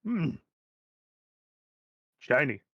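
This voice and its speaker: A man voicing an old male frost giant elder who leans on a cane and speaks slow, broken words. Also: no room sound, lo-fi sound. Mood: pleased. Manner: slow broken speech, halting.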